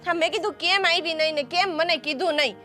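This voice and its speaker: A woman's voice: very high voice, fast talker, bright, forceful tone, soft background music. A woman playing a defiant younger daughter who argues with her family. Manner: defiant, argumentative. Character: stubborn younger daughter insisting on marrying first. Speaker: younger sister. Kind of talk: family drama acting.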